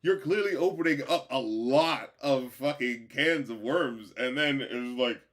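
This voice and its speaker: A man's voice: medium pitch, a little slow. A man in a casual, profane, rambling rant, exasperated and stumbling over fillers as he talks. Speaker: commentator. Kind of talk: casual rant about a show.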